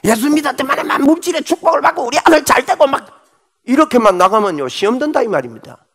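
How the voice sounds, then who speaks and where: A middle-aged male pastor preaching a Sunday morning sermon fervently, with sudden shouts. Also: extremely high pitch, sing-song, quick pace.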